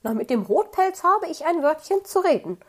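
A bossy, motherly magpie bustles through a read-aloud story, as a woman puts her on. She talks briskly in a high voice. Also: big pitch swings. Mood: indignant.

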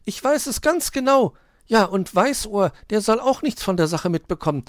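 Little hedgehog detective, squeaky, insistent, storybook, lively melody. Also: male voice, moderate pace, dry recording, clean studio sound. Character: little eager male hedgehog sleuth. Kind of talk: storybook read-aloud.

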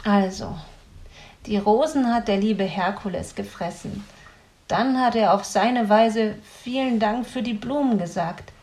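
A woman's voice: mid-range voice, unhurried, a little mellow, lightly acted. A woman voicing a fretful, grumpy young man in training who grumbles and sulks. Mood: wry, rueful. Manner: sulky, grumbling.

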